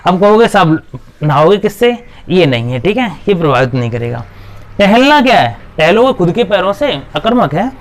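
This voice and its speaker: A man with a high voice explains grammar in a video lesson. He keeps asking his students a question and then answering it himself. Between points he drops in a quick "okay" to check they are following. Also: very animated. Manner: repetitive, asks and answers his own questions. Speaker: Hindi grammar teacher. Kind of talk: classroom-style video lesson.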